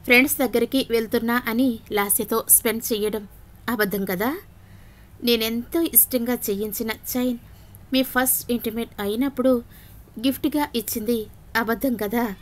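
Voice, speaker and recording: A woman's voice: on the high side, fairly even intonation, normal speed, close to an everyday voice. A woman voicing a middle-aged mother who confronts her son with bitter, accusing questions.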